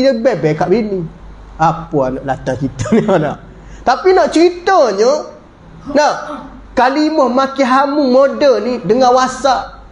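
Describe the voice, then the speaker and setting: A man giving a conversational religious lecture as a teacher, often dropping his voice low for emphasis. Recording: echoey room.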